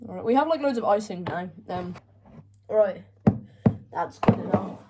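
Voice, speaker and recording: A woman with a medium-pitched, lively voice jokes around at normal speed while baking in a home kitchen as a co-host for a video. The chat is casual, she often trails off into mumbles, and the background is noisy.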